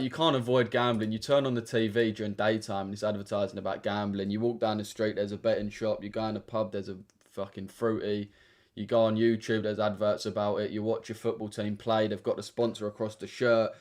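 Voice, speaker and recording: Jeune homme à l'accent de l'Essex, bavard, voix un peu grave. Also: male voice, on the low side, flat delivery, brisk. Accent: Essex English. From Essex, England. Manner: slangy, chatty, addresses chat directly. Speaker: trading livestreamer. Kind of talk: casual livestream chat.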